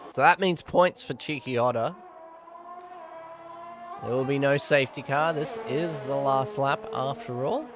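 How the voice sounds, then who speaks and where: A man's voice: medium pitch, fairly even intonation, measured pace, pauses often, noisy background. A man giving casual, rambling live commentary on a sim race, often correcting himself.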